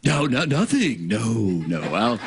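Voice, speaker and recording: A man voicing a smouldering, sardonic robot sidekick in scripted talk-show banter, with a slow, deadpan, coy delivery. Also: mid-range voice, a little hiss or hum. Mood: sullen denial.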